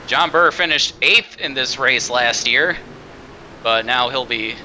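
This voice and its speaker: A man's voice: mid-range voice, measured pace, bright, forceful tone, a little hiss or hum, low-quality recording. A man hosting casual live sim racing commentary as race commentator.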